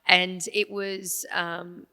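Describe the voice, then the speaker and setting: A woman's voice: on the low side, very slow, in a large hall, a little hiss or hum. A woman from Afghanistan, a guest on a podcast, telling her family's story in a casual interview, with many fillers and asides. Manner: warm, animated storytelling with frequent fillers. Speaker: podcast guest, radio presenter.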